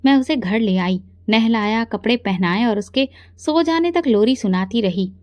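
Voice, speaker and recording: A woman narrating a first-person moral story in a calm, earnest, even way. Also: fairly high pitch, unhurried, no room sound, clean studio sound.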